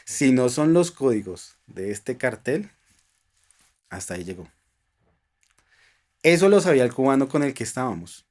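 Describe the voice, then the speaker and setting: A man speaking Spanish with a Colombian accent, guesting on a podcast and recounting his own experience in an earnest, emotional way. His voice is mid-pitched and ordinary. He often sinks to a quieter tone when the story grows tense. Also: sing-song, normal speed, pauses often. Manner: earnest, emotional, speaks of faith, drops to soft tones at tense moments. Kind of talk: personal storytelling in a podcast interview.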